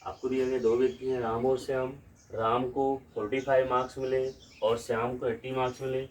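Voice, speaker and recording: A man's voice: mid-range voice, recorded from a distance, slight background noise, rough recording. A man with a Lucknow Hindi accent teaching a maths lesson from a room in a village, explaining step by step and asking questions back to the class.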